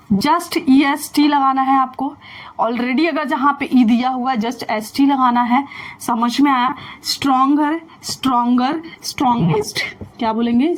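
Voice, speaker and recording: A woman teaching an English grammar lesson in Hindi mixed with English, explaining step by step, asking the learners questions and slowly repeating the words she drills. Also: high-pitched.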